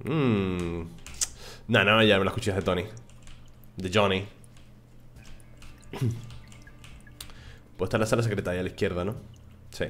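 A young man from Spain with a Spanish accent, commentating a game casually, excitable and swearing freely. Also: low-pitched, a little slow, pauses often, a little hiss or hum. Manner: excitable, swears freely, talks to his viewers. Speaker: gaming video host.

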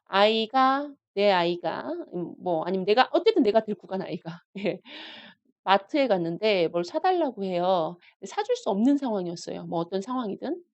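A woman teaching a live online English lesson, explaining phrases and leading slow, repeated pronunciation drills. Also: on the high side, a little mellow, lo-fi sound.

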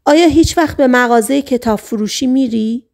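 A woman reading the lines of a calm male psychiatrist who gently questions a patient under hypnosis. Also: high voice, gravelly. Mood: gentle.

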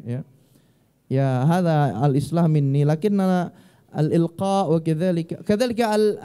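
A man's voice: on the high side, warm tone. A man with an Indonesian accent, a teacher critiquing a student speech, repeating himself and tagging phrases with "ya". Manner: repetitive, tags phrases with "ya". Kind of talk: spoken critique mixing Arabic and Indonesian.

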